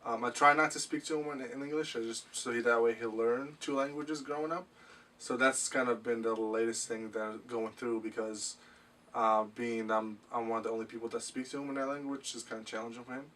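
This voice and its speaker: A man from Morocco, a guest on a casual podcast, talking haltingly with many pauses and restarts. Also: medium pitch, fairly even intonation, pushed and bright. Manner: hesitant, many ums and restarts. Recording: distant mic with faint noise.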